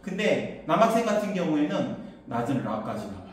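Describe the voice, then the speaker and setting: A middle-aged man, an academy instructor, giving an info session to parents in a chatty, anecdotal way, pushing his voice higher to carry. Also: big pitch swings, fairly quick. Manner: chatty, anecdotal, raises pitch to project. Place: lecture room. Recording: distant mic, very echoey hall.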